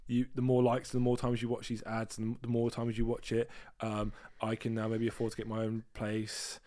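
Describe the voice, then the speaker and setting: A man speaks in a mid-range voice with a British accent softened toward American. He hosts in a playful, off-the-cuff bantering style. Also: mid-range voice, completely flat delivery, normal speed. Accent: British, partly Americanized. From Britain. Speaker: show host. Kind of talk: playful improvised banter to camera.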